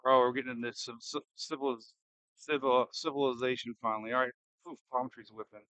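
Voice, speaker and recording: A man giving casual, excitable live storm-chasing commentary, thinking aloud and firing off questions as he drives. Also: medium pitch, a little fast, no room sound. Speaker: storm chaser and livestream host. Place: inside a moving car in a storm.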